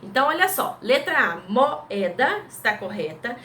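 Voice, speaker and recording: A woman's voice: a little high, sing-song, normal speed, a bit bright, a little hiss or hum. A woman teacher with a Brazilian Portuguese accent patiently goes over school exercise answers step by step, often checking in with her pupils. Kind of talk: recorded remote class going over exercise answers.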